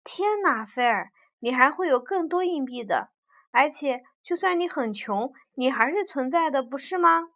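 Woman doing a bubbly, high, encouraging sidekick. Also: animated, normal speed, no room sound, highs cut off. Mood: cheering. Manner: bright, exclaiming, encouraging. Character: cheerful, caring little companion who reassures a child.

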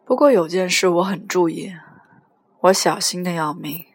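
Low-voiced woman reading a novel. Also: normal speed, husky. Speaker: audiobook reader. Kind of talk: first-person novel narration.

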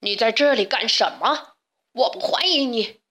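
A woman's voice: a little high, moderate pace, fairly bright tone. A woman growling as a furious beast. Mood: angry. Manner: roaring, hostile. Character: hulking furious male beast, castle master.

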